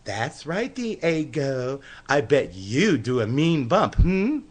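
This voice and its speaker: In a comedy radio sketch, a man plays a flamboyant, flirtatious male dance instructor who gushes giddily. His mid-range voice is very animated but slow, and his mood is giddy throughout.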